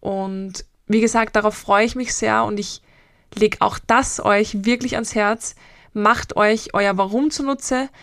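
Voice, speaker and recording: A woman's voice: medium pitch, fairly even intonation, measured pace, fairly bright tone, no room sound, clean studio sound. A woman in her twenties with an Austrian accent, a mental coach hosting a reflective solo podcast, talking in a rambling, personal way with frequent hesitations. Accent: Austrian German. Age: 20s.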